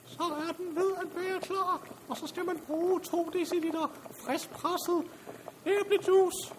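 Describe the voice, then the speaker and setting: Very high-pitched eccentric wizard. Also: male voice, fairly even intonation, slight background noise, rough recording. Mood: chirpy, busy. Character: eccentric male wizard brewing purple potions, cheerfully bossy. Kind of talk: comic role-play drama.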